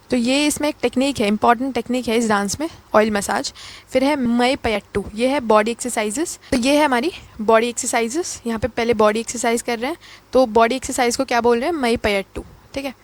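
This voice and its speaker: Playful woman teacher, fairly high voice. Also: steady tone, brisk. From Uttar Pradesh. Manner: playful, repeats key words, asks and answers her own questions. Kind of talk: exam-prep lecture with memory tricks.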